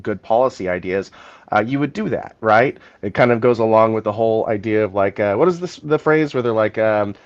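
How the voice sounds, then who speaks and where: Podcast guy with a lowish voice explaining politics at length, dull lo-fi sound. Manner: long explanatory answers, thinking aloud. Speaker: podcast co-host. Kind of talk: casual political discussion.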